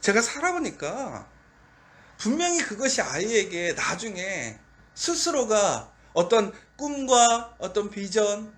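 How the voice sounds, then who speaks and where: A man's voice: high-pitched, fairly bright tone, a little hiss or hum. A middle-aged man, a pastor, preaching at a dawn service in a conversational storytelling way, asking the listeners rhetorical questions.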